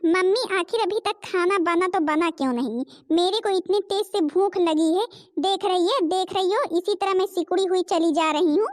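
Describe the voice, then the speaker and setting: Bratty whiny cartoon stepsister, woman doing the voice, very high, dry. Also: normal speed, hardly any pauses, no echo. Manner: whiny, demanding, mocking. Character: spoiled lazy stepsister, young woman, rude. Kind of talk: animated cartoon voice acting.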